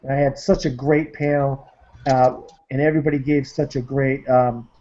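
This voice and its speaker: A Massachusetts man hosts a movie podcast panel, wrapping up the casual show with enthusiasm and plenty of ums and uhs. His voice is medium-pitched, level and mellow at a normal pace, heard over dull online call audio.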